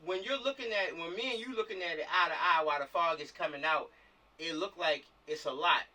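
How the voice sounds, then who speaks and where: His voice on the high side and sharp, an American man talks a little fast while steering a casual planning chat as the film director running the meeting. He goes over things repeatedly and often checks he's understood; the video call uses a distant mic.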